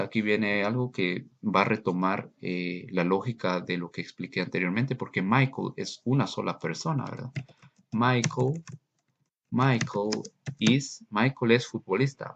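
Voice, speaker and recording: A man teaching English grammar in a recorded lesson, slowly and patiently explaining and repeating examples. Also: lowish voice, creaky, breathy edge, lo-fi sound.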